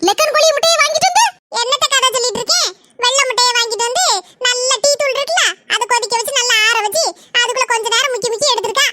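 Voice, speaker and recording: A woman voicing bickering village family members in a cartoon comedy, with a Kanyakumari Tamil accent and quick teasing, scolding banter. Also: extremely high pitch, sharp tone, slight background noise. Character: squeaky village women and men of a bickering family.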